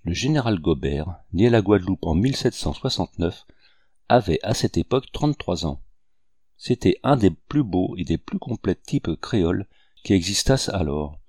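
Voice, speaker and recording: A man narrating a historical novel in a measured, descriptive audiobook reading. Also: low-pitched, expressive, darkish tone, slightly rough, no echo, studio quality.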